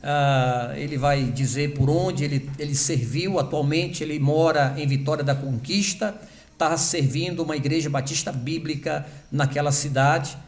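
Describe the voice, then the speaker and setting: A man with a voice on the high side serves as host pastor in church, reading scripture and praying. His intonation stays fairly even, but his delivery is earnest and emphatic, slowing down on key words.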